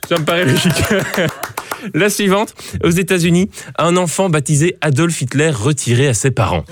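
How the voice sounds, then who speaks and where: A man's voice: on the high side, normal speed, a little hiss or hum. A man delivering a live comedy column in a radio studio, with mock-grave setups, punchline wordplay and asides that coax the studio to laugh along. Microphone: studio microphone.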